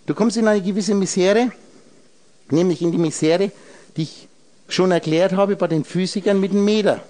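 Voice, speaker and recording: A warm, high-pitched male voice at normal speed delivers a rambling lecture on esoteric ideas to a group. He turns words into letters and numbers and poses questions directly to those listening.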